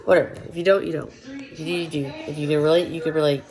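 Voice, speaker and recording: Speaking very fast in a low, darkish voice, this homesteading vlogger chats casually to camera from her kitchen. Her Southern US accent comes through congested and nasal thanks to sinus trouble, and she's blunt, sweary, and dryly funny.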